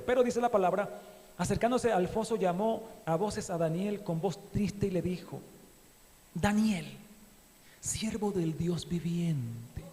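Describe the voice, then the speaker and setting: A man's voice: sits high, darkish tone. A man, a pastor, preaching a sermon with fervor, swelling and dropping as he addresses his congregation. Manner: fervent preaching that swells and drops, with frequent asides to the congregation. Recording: long hall reverb.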